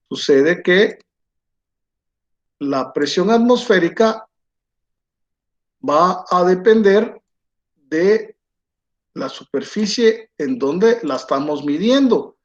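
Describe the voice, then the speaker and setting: A man teaching a lesson at a slow, unhurried pace, his voice sitting a little high for a man. He keeps pausing to check in with his students as he explains. The recording sounds dull and lo-fi. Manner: slow, patient, checks with "¿verdad?" after most phrases. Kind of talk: online lecture while drawing on a board.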